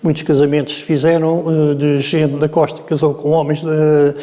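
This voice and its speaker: A Portuguese man in his seventies with a Lisbon-area accent recalls his family's past at an unhurried, rambling pace, pausing often on filler sounds. His voice sits slightly high yet warm and dark. The room around him lingers with a long reverb tail. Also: little pitch movement. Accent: European Portuguese, Lisbon area. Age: 70s. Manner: meandering, hesitant with frequent filler sounds. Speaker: interviewee. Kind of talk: oral history storytelling.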